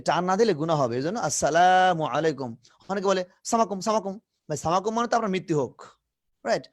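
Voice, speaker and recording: A man from Bangladesh teaching an English phonetics lesson, drilling each sound over and over and mixing English words into his talk. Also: high voice. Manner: drills sounds by repeating them many times.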